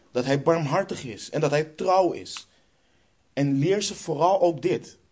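A man's voice: a little high, a little mellow. A man with a Dutch accent preaching a sermon, emphatic and stressing points by repeating phrases.

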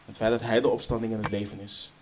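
A man's voice: fairly low pitch, level tone, fast talker, a little mellow, a little hiss or hum. A man preaching a sermon in Dutch churches' style, stressing key lines emphatically, then leading a prayer.

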